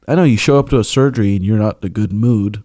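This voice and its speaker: A young man hosts a casual podcast in a lowish voice, laid-back and crude, swearing as he talks. The sound is dry and close. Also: quick pace, mellow, no echo. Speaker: podcast host.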